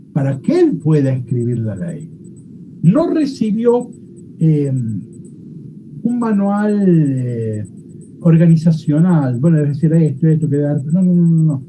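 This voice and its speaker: A Bible teacher gives a classroom lecture. The teacher explains step by step and often checks understanding with quick questions. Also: medium pitch, warm tone, a little hiss or hum, low-quality recording.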